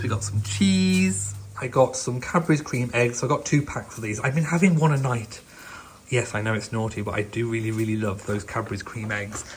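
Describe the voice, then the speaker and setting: A man's voice: medium pitch, a bit bright, a little hiss or hum. A young adult man with an English accent, chatting casually in a self-deprecating, rambling way. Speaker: vlogger. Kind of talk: casual chat.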